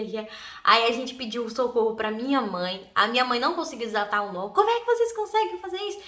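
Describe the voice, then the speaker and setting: A young woman tells a childhood story in a lively vlog, laughing often and slipping into her relatives' voices. Her voice is high and bright. The room around her is echoey. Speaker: vlogger. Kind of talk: animated storytelling about childhood.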